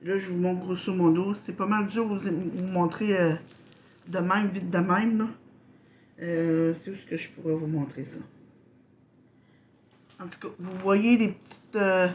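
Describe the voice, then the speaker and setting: A woman from Quebec with a Québécois accent, hosting a casual unboxing vlog, halting and apologetic, full of fillers and restarts. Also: medium pitch, a little mellow, slight background noise. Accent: Québécois French. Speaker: channel host.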